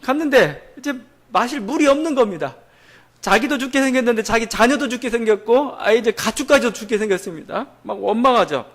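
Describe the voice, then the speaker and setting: A man's voice: very high voice, expressive, a little fast, a bit bright. A man preaching a sermon as pastor, explaining a Bible passage in a conversational way with frequent fillers.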